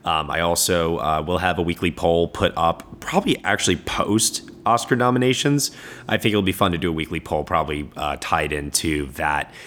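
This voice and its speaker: A man with a very low, hungover voice hosts a podcast. He speaks casually and informally, hesitating and trailing off as he wraps things up. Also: lively intonation, normal speed, a bit bright, slight background noise. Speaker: podcast host.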